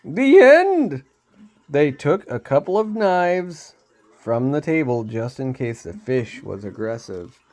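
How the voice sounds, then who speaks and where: A man reading a storybook aloud, unhurried, with small slips he laughs off. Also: mid-range voice, darkish tone.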